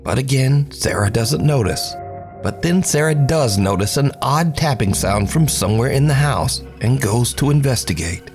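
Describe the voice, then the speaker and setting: Narrating viral videos for a countdown, this host reads a script in a dramatic, playful way that tells each clip like a story. He speaks at normal speed with a medium-pitched, expressive voice, and music plays in the background.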